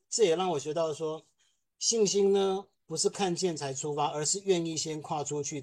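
A man, a film director giving a lively testimony to a church congregation and acting out the people in his story. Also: on the high side. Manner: animated storytelling, acts out quotes.

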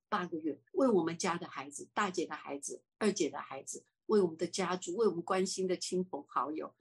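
A woman giving a personal faith testimony as an interview guest, swinging from excited high exclamations to hushed speech. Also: slightly rough.

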